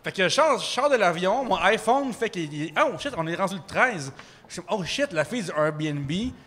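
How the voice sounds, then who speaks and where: Animated Québécois man telling a story. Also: high-pitched. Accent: Québécois French. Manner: animated, lots of fillers and slang. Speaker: guest storyteller. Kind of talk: live podcast anecdote. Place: microbrewery with live audience.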